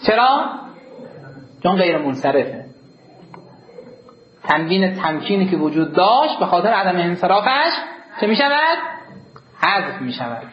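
A man teaching a grammar lesson to a class. He asks the students questions, answers them himself, and draws out the key words. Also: high-pitched. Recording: roomy, dull lo-fi classroom recording.

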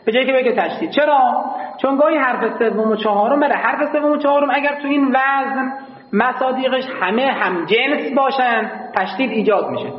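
A man teaching a grammar class, explaining patiently to his students and slowly chanting lines of classical verse. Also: extremely high pitch, roomy sound, long reverb tail, dull audio. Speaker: seminary teacher of Arabic grammar. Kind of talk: classroom lecture.

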